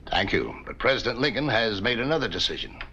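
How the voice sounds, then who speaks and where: A bright, lively-voiced governor, formal and oratorical. The recording is a muffled vintage TV soundtrack. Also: male voice, lowish voice, quick pace, a little hiss or hum, heavily acted. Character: dignified territorial governor, persuasive and formal. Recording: dull 1950s TV soundtrack.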